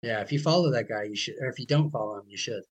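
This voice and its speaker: A man's voice: medium pitch, rapid-fire, low-quality recording. A man hosting a casual podcast conversation, chatty and friendly, often repeating words as he starts a thought. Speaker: podcast host.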